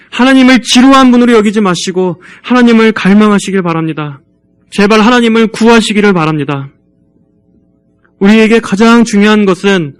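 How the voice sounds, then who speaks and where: A male pastor delivering a church sermon, earnestly urging the congregation in a measured way. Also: sits high, clear, resonant tone.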